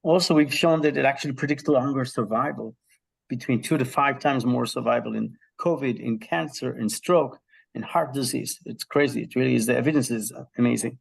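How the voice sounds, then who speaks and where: A middle-aged man, a health psychology professor, explaining his research as an interview guest, telling it lively with frequent ums and throat-clearing. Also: mid-range voice, fairly quick.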